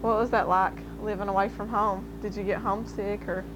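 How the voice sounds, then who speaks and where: A woman's voice: medium pitch, level tone, fairly quick. A woman asking questions informally as the interviewer in an oral history conversation. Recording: humming background noise.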